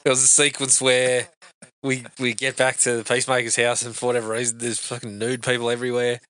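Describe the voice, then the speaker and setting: A man's voice: mid-range voice, little pitch movement, fast talker, bright, forceful tone, clean tone, dry recording. Laid-back man chatting. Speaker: podcast co-host. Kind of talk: casual movie commentary.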